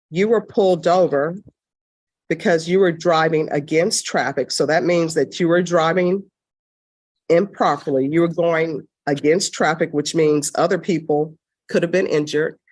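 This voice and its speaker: Woman judge on the bench, brisk and stern, lowish voice, courtroom recording. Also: darkish tone. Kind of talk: formal courtroom proceedings.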